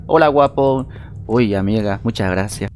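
A man's voice: lowish voice, moderate pace, darkish tone, slight background noise. A man streaming a multiplayer horror game, talking to his viewers and teammates, and shrieking and swearing whenever he gets scared. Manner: jumpy, screams and swears when scared. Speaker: gaming streamer. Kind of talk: live let's-play commentary.

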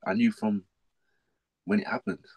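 A man's voice: fairly low pitch, normal speed, gravelly. A middle-aged man from South London with a South London accent, telling his life story as a podcast guest in casual, slangy talk. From South London, England. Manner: slangy, animated, repeats himself.

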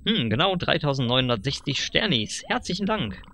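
A man voicing a sly, pushy fox furniture dealer who flatters with smooth sales patter. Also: medium pitch, brisk, slight background noise. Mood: wheedling.

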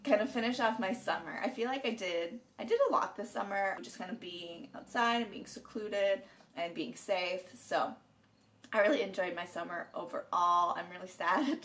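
A young Minnesota woman, just awake and froggy-voiced, chats casually and giggles to a camera on a stand in her home. Her pitch is medium, her pace moderate, and her tone fairly bright.

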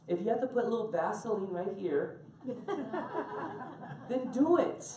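Lively pastor preaching in an echoey church. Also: male voice, high-pitched, slow pace, noisy background. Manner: animated, laughing storyteller addressing congregation by name. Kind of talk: sermon. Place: church sanctuary. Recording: echoey room from far off.

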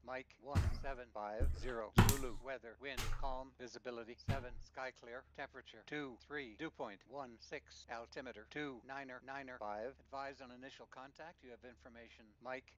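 A man's voice reading an automated airport weather broadcast over the radio, in flat, clipped recitation of letters and numbers. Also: medium pitch, a little fast, pauses often. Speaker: recorded airport weather information. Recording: dull lo-fi radio audio.

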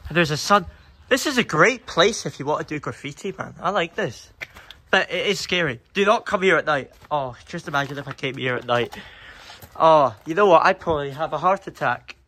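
A man's voice: a little high, expressive, moderate pace, pushed and bright. A young man giving a nervous walking commentary as he explores an abandoned building, talking to himself into a handheld phone. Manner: jumpy, muttering to himself, easily spooked. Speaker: urban explorer vlogger. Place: outdoors and in a derelict building.

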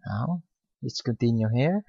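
A man giving a step-by-step painting lesson, speaking unhurriedly with many pauses and fillers. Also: mid-range voice, expressive, creaky, breathy edge, dry recording. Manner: unhurried, hesitant with frequent fillers. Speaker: painting instructor. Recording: dull lo-fi recording.

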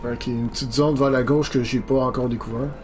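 A man's voice: medium pitch, fairly even intonation, fairly quick. A man with a Quebec French accent giving casual, rambling, informal commentary as he streams a game. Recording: game music behind the voice. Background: video game music.

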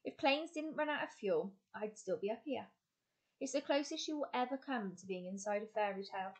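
A woman's voice: fairly high pitch, animated, a little fast, close to an everyday voice. A woman reading a brusque male explorer. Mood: commanding. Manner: commanding, clipped, shouted over engine noise. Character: gruff, brusque adult male explorer teaching flying.

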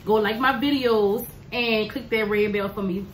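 A woman's voice: medium pitch, fairly even intonation, moderate pace, recorded from a distance. A woman with a New Orleans accent, a guest YouTuber in a casual chat, blunt and matter-of-fact. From New Orleans, USA. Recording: echoey room, faint noise.

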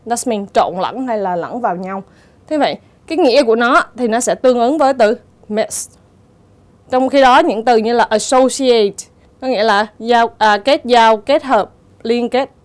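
Woman teacher, slightly high voice, walks thru exam answers one by one, calm and methodical. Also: moderate pace. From Vietnam. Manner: methodical, spells out each answer step by step. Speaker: English teacher. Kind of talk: exam answer walkthrough lesson.

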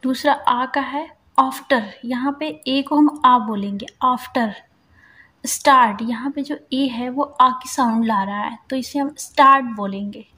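A woman with a somewhat high voice teaches English phonics. She talks in Hindi mixed with English words and sounds out each vowel slowly and carefully to demonstrate it. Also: sharp tone. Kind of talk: explaining phonics in a casual lesson.

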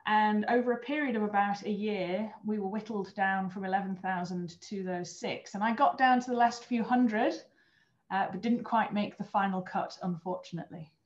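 Speaking over a webcam in a video call interview, this guest, a former astronaut trainer, describes her work in earnest and sometimes starts a phrase over. She is a European woman in her thirties whose medium-pitched voice keeps a fairly even intonation at normal speed. The recording is lo-fi and muffled, and her voice carries a roomy echo.

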